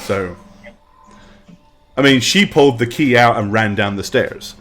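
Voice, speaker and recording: Slow, hesitant man running a tabletop game. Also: mid-range voice, fairly bright tone. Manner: unhurried, hesitant with frequent ums. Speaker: game master.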